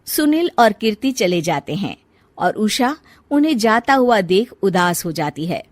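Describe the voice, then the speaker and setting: A woman's voice: medium pitch, very animated, unhurried, dry recording. A woman narrating a scripted family story as a storyteller.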